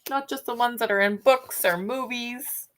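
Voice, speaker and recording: A woman with a fairly high, slightly bright voice speaks at normal speed, teaching children in an unscripted read-aloud discussion. She explains as she goes, wonders aloud, and puts questions to the kids.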